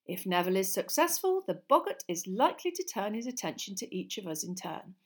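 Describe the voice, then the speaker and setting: Lady doing a calm male magic professor from a storybook, encouraging, explains stuff step by step. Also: medium pitch. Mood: instructive. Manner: encouraging, measured teacherly explaining. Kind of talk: acted audiobook dialogue.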